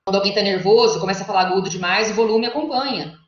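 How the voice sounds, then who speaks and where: A woman's voice: medium pitch, very fast. A woman giving an academic lecture over a video call, explaining step by step and often checking in with her listeners. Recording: echoey, muffled online call audio.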